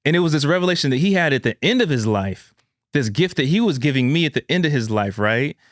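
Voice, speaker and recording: A man's voice: a little high, expressive, fast, no echo, studio quality. A man hosting a podcast, telling a heartfelt personal story in an earnest, emphatic way and calling the listener "man" and "bro". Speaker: podcast host.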